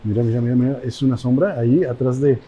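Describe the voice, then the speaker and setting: A man with a Mexican accent, hosting an exploration vlog and giving hushed, cautious commentary as he walks through a large abandoned building. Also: mid-range voice, fairly even intonation, fast talker, highs cut off, a little hiss or hum. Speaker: host, explorer.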